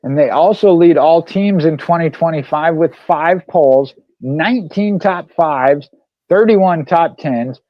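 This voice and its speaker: A man co-hosting a racing podcast, chatting casually and slowing down to read figures. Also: on the high side, no room sound. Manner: conversational, reads figures slowly. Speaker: podcast co-host. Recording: dry dull lo-fi mic.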